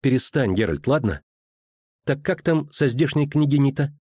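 A man voicing a sharp-tongued, teasing young girl in an audiobook, lifting his voice higher. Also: animated, normal speed, no echo, clean studio sound, lightly acted. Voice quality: teasing, sulky.

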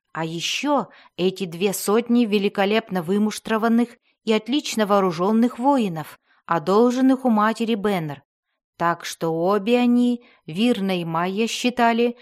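A woman narrating a fantasy audiobook in a steady, measured storytelling voice. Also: medium pitch.

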